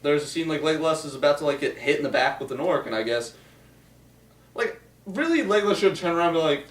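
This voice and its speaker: A man's voice: on the high side, animated, fast talker. A young man hosting a casual movie chat, talking loosely with lots of swearing and filler words. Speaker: movie review host. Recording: roomy echo, mic at a distance.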